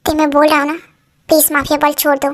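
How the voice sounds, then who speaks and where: A woman's voice: sits high, monotone, fast, dry recording, close to an everyday voice. A woman voicing a worried young husband who anxiously pleads with his wife, in a fan-dub drama. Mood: pleading. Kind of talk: Hindi fan dub acting.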